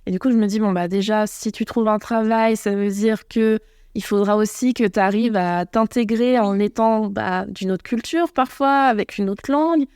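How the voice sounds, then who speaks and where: A woman's voice: mid-range voice, moderate pace, a little mellow, clear, resonant tone, no room sound, clean studio sound. Musing young French woman host. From France. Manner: thoughtful, musing, asks questions. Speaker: podcast host. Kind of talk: casual podcast chat.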